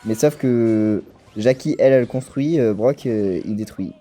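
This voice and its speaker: Mellow-voiced stammering young gamer man. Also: medium pitch, measured pace. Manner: rambling, stammers and repeats words. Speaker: gaming channel host. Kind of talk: casual gameplay commentary.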